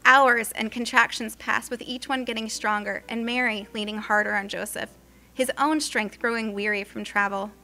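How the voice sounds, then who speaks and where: Bright, high-voiced woman telling a story. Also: steady tone, normal speed. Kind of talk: scripted story narration. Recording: faint music underneath.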